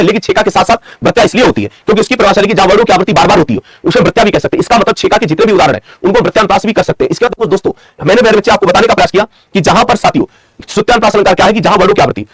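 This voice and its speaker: Fast-talking, husky-voiced male Hindi teacher. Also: sits high, no echo. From India. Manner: repetitive, drills questions and answers to students; affectionate teacher's address to students. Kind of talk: online Hindi grammar class.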